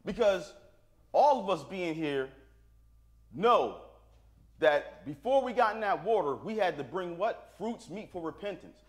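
A man's voice: sits high, animated, unhurried. A man preaching a sermon to his congregation, talking plainly and informally and checking in with "right?" after his points. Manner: call-and-response, asks the congregation "right?"; plain-spoken, informal grammar. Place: church sanctuary. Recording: echoey church room.

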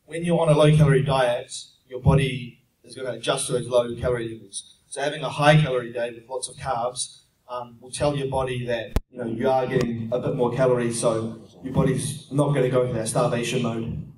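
At an expo seminar, a young New Zealander who speaks on fitness works through audience questions in a plain, steady, brisk manner, saying "um" often. His voice sits mid-range. The recording comes from a far-off camera in a large, reverberant conference room with faint background noise, though he holds a handheld mic.

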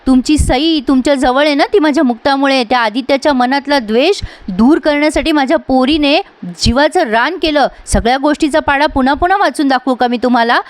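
A woman's voice: high voice, a little fast, no room sound, lightly acted. A woman voicing an indignant mother. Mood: pleading. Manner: agitated, raised indignant questions. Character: distressed middle-aged mother defending daughter.

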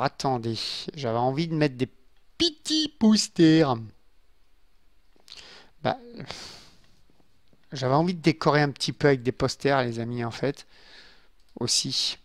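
A man's voice: medium pitch, dry recording, studio quality. A man giving casual let's-play commentary from his home computer, chatting and muttering asides to his viewers as he builds. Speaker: gaming YouTuber. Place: home room with a glass desk.

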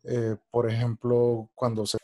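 A man's voice: mid-range voice, monotone, a little slow, dark tone. A man asking a polite, formal question over a video call whose audio keeps breaking up. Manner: polite and formal, with hesitant fillers. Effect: choppy, breaking-up video call audio. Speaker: webinar attendee asking a question.

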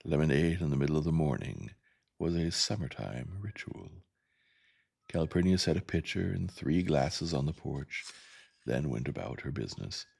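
Very deep gravelly-voiced man reading softly. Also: animated. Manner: soft, unhurried reading. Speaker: narrator. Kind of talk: gentle ASMR reading.

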